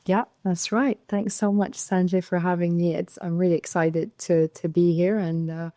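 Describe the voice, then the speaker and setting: A woman's voice: on the low side, flat delivery, normal speed, warm tone, no echo, studio quality. A young woman from Syria, a podcast guest telling her story in an earnest way, often restarting and repeating words. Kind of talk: conversational interview storytelling.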